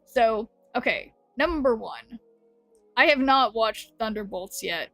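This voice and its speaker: A woman's voice: a little high, animated, slow, a bit bright, no echo, soft background music. A woman chatting casually on a live game stream, rambling and answering chat, her voice worn from talking. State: losing her voice.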